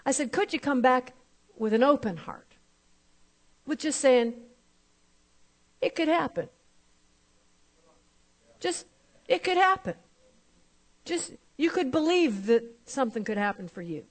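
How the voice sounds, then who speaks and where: Woman minister, sermon testimony, lively retelling of a conversation. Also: high-pitched, unhurried, long pauses. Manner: storytelling, acting out both sides of conversations.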